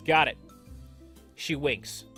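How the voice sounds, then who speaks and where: A man's voice: fairly high pitch, slow pace, sharp tone, soft background music. A man hosting a let's play, reading the game's text aloud and joking along with it in a playful, sarcastic way. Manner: playful and sarcastic, jumps into mock voices.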